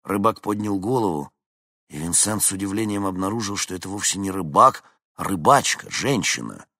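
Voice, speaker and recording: Deep, lively male audiobook narrator. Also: normal speed, no room sound, studio quality. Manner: expressive storytelling. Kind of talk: scripted narration.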